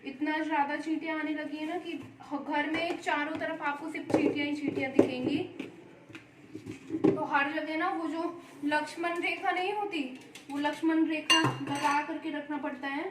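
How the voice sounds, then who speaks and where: A young woman with a high, light voice chats to camera at home in a loose, meandering, homely way. A faint hum of noise sits behind her. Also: fairly even intonation, moderate pace, echoey room. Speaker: vlogger. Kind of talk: casual chat to camera. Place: indoors at home.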